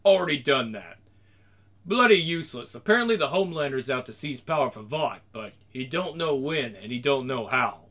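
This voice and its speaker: An actor playing a hardened, profane crew leader with a British accent in a video game cutscene. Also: male voice, mid-range voice, expressive, normal speed, a bit bright. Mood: dismissive. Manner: blunt, profane, dismissive. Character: hardened gruff man, blunt leader of a crew.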